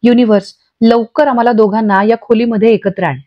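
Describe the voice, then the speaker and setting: A woman's voice: fairly high pitch, steady tone, fairly quick, natural voice. A woman voicing a playful young husband who teases lightly. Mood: dreamy. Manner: teasing, light. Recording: dull lo-fi audio.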